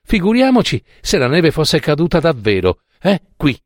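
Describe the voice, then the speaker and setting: A man voicing an exuberant, teasing young woman in a literary audiobook, in a high, excitable voice with quick swings of pitch. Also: no room sound, clean studio sound. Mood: excited. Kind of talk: audiobook reading of a literary short story.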